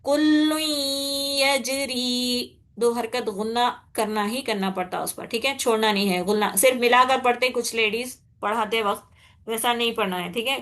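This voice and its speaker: A woman teaching Quran recitation rules, patiently explaining and checking in with her students, then demonstrating with slow, drawn-out nasal recitation. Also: a little high, fairly even intonation, a bit bright. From India. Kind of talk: tajweed lesson.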